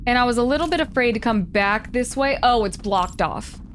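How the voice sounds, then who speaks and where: A woman hosting a let's-play, thinking aloud with curiosity as she narrates her moves, sometimes dropping to a hush. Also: on the high side, lively intonation, fairly quick, a little hiss or hum. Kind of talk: casual gameplay commentary. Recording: faint game music behind.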